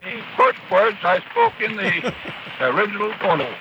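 A man's voice: high-pitched, huge pitch swings, normal speed, gravelly, slightly rough, no echo, highs cut off, exaggerated voice. A man posing as an old-time president on a crackly wax cylinder recording, giggling in a lewd way. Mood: cheeky. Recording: loud hiss, distant playback.

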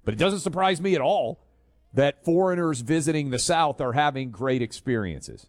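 Expressive and fairly high-pitched, a man hosts a talk radio program at a moderate pace, sounding conversational and opinionated, complete with fillers and restarts. He uses a studio mic in a radio studio, and the sound is studio quality with no echo.

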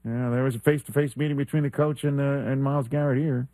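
A man's voice: medium pitch, steady tone, fast, dark tone, no echo. A middle-aged man hosting a sports talk show in a studio, chatty and laughing often, with plenty of ums and uhs. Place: radio studio.

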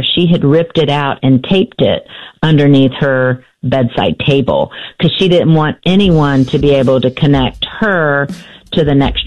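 A woman's voice: extremely low pitch, a little mellow. A middle-aged woman, an author and radio guest, telling her family story hesitantly with many fillers and restarts, heard through a dull lo-fi AM radio sound. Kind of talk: radio interview, personal storytelling.

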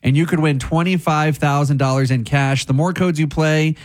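Higher-pitched male radio host. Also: steady tone, moderate pace. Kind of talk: radio contest promotion.

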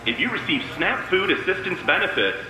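An echoey supermarket PA announcer. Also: male voice, high voice, sing-song, fairly quick. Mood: announcing. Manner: formal announcing. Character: male store loudspeaker announcer. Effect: supermarket PA loudspeaker. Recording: echoey loudspeaker over music.

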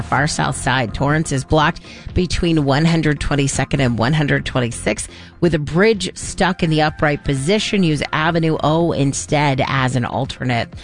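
Woman traffic reporter, loud dense radio read, packed and rapid, faint music underneath. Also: deep voice.

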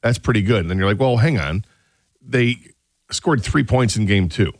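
A man co-hosting a sports radio talk show chats casually about football, his voice on the low side at a moderate pace with no echo. Now and then he acts out a coach, raising his voice for it.

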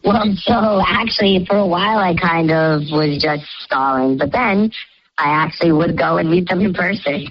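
A man's voice: high voice, moderate pace. A man calling in over the phone, his voice disguised by a voice changer, candidly telling a sheepish confession. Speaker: anonymous caller. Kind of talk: casual confession to radio hosts. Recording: dull phone line.

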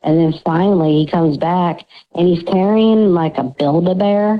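A man's voice: sits high, fairly even intonation, normal speed, a crowd in the background. An anonymous male caller whose voice is disguised by a voice changer, casually telling a story on a call-in show. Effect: voice changer disguising his voice. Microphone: phone. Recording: dull phone line.

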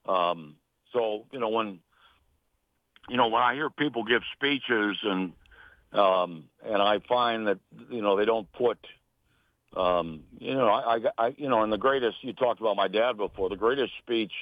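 A middle-aged or older American man who works as a sports announcer and teaches broadcasting talks emphatically and earnestly as an interview guest, repeating phrases for stress. His lowish voice carries no room sound, though the phone line is tinny.

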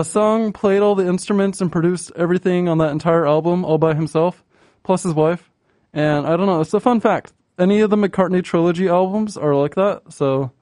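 A man with a high voice and an American accent chats casually as a radio DJ, wandering into informal asides. He sounds muffled, speaking through a face mask while a bit sick, and the recording is close and dry. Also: darkish tone, no echo. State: sick, recovering from a sore throat. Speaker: radio DJ and host. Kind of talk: casual music radio chat.

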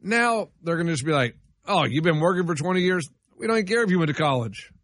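A man's voice: a little high, animated, fast talker, fairly bright tone, no echo. A man in his forties chatting casually on a radio show, easygoing and explaining himself. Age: 40s.

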